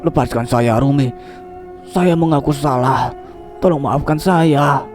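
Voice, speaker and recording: A man's voice: medium pitch, moderate pace, natural voice. A man voicing a young man who is hurt and begs in a whimpering voice over music. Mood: pleading. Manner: whimpering, pleading. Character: young man Ivan, beaten and begging.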